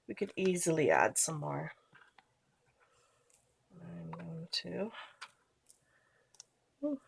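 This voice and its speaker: A woman in her thirties with a cold-induced nasal sound talks in a fairly low, gravelly voice over background noise. As a scrapbooking vlogger, she chats in a relaxed way through a craft tutorial, trailing off while working.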